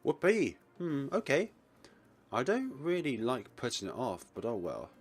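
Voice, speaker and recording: A man with a husky, mid-range voice plays a visual novel and reads it aloud at a measured pace, his pitch swinging hugely, with faint music behind him. He's playful, exclaiming and laughing, acting out the narrator's lines and adding chuckly, joking asides to the game text.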